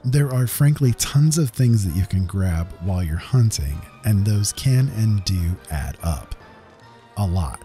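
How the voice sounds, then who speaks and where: This gaming content creator voices over game footage from a script, casual and chatty but with emphatic moments, while faint music plays underneath. He has a fairly low, mellow voice with lively intonation and an unhurried pace.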